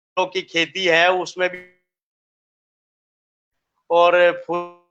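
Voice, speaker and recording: A man speaking slowly and haltingly on a mobile phone call, his audio breaking up and cutting out. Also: on the high side, pushed and bright. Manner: slow, halting, explanatory. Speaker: agricultural expert guest. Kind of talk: explanatory interview answers over a call. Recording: dull lo-fi phone line breaking up.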